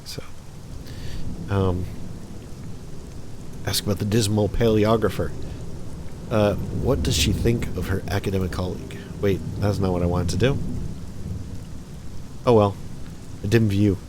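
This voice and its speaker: A man's voice: on the low side, steady tone, a little slow, long pauses, background noise. A man hosting a let's play, casually reading game text aloud with chatty asides and small slips.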